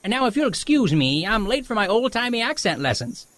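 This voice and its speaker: A man's voice: high-pitched, very animated, brisk. An actor playing a jittery male townsperson who gossips in a dramatic way about a local tragedy. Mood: gossipy.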